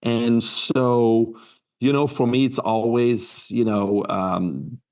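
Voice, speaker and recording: Speaking slowly with fairly even intonation, a guest from Belgium in his fifties gives sincere interview answers in his Belgian accent. His mid-range voice is a little mellow, and he often uses fillers and starts over.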